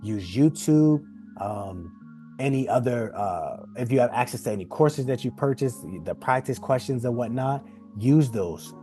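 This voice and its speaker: A man's voice: medium pitch, expressive, a little slow, dark tone, faint music behind. A man hosting an online exam study group, giving casual, slangy advice and repeating his main tips on a video call. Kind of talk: casual encouraging wrap-up talk.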